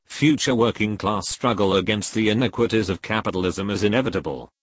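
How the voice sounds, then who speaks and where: A man reading a political article aloud as scripted narration, in a steady, measured delivery. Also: on the low side, slightly rough, no echo.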